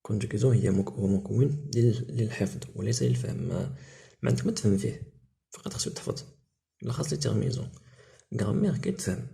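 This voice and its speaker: A man with a Moroccan Arabic accent, a French teacher explaining a textbook lesson, mixing Arabic with French terms and reading examples slowly. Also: on the low side, lively intonation, creaky, dark tone.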